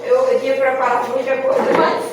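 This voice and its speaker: Lady poet teaching verse, high voice, far off in a big echoey room. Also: monotone, fast, noisy background. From Rio Grande do Norte, Brazil. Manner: explanatory, checks in with "não é?". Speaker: cordel poet and speaker. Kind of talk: lecture at a literary festival. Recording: echoey room, mic far off, music behind.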